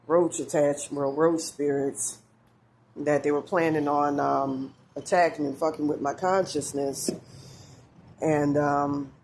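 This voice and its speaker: A woman with a low-pitched voice talks in a loose, rambling monologue, stopping and restarting with many fillers. She sounds woozy and out of breath. A faint hiss sits under the recording. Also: a little mellow. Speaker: tarot reader.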